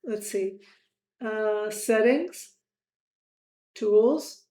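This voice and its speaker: A woman tutoring software in a screen-recorded lesson, friendly, with quiz-style asides to the viewer. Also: mid-range voice, drawn-out words, reverberant.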